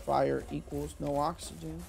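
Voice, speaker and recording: A woman's voice: low voice, flat delivery, a little slow, creaky, very noisy. A woman giving casual gameplay commentary, chatting to the game characters and reading menu text aloud. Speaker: let's play gamer.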